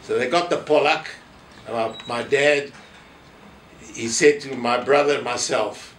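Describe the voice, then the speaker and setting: Recalling his days as a former synagogue office holder, this elderly South African of Polish family background shares anecdotes in an oral history interview and re-enacts quoted remarks. He speaks a little slowly in a steady, medium-pitched, slightly bright voice. The mic sits some way off in a reverberant room, and faint noise lingers underneath.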